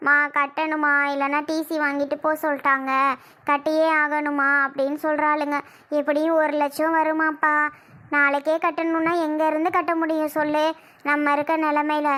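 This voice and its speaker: A high, bright voice gives this worried mother of two girls, played by a woman a soft and pleading sound. She talks in a sorrowful way in a family drama skit. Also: little pitch movement, moderate pace. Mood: tearful.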